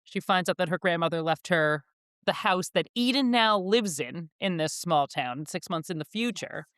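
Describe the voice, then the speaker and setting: A woman's voice: fairly low pitch, moderate pace, no room sound, clean studio sound. Chatty young woman co-hosting a podcast. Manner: animated, lots of "like" fillers. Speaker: podcast co-host. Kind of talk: casual book chat.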